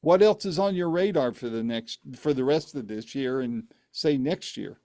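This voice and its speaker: Chatty, gravelly low-voiced man interviewing. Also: animated, normal speed, dark tone, no room sound. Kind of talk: casual conversational interview.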